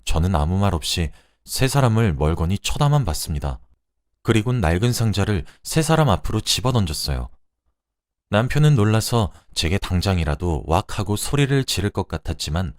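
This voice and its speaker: A man narrating a radio drama story in the first person, with expressive delivery. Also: low voice, dry recording, studio quality.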